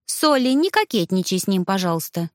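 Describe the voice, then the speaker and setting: A woman voicing an eager, timid young female friend who talks in a bright, gushing way. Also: medium pitch, big pitch swings, a little fast, no room sound, studio quality, close to an everyday voice.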